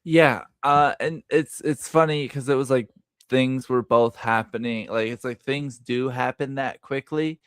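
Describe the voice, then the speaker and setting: A man's voice: mid-range voice, steady tone, measured pace, fairly bright tone, clean tone, no room sound, studio quality. A man in casual podcast chat about a TV show, rambling with many restarts and acting out quotes. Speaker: podcast co-host.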